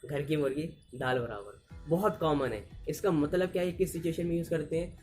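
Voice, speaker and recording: A man's voice: a little high, fairly quick, a little mellow, soft background music. A man with an Indian accent, teaching idioms to learners and mixing Hindi with English as he explains. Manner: mixes Hindi and English, repeats and restarts to explain.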